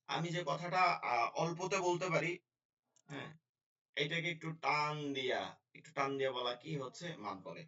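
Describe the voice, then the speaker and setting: A man teaching a Quran pronunciation lesson, drilling syllables slowly and explaining lip and tongue positions in colloquial speech. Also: medium pitch, a bit bright. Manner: drills syllables slowly and repeats them for practice. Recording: slightly dull lo-fi sound.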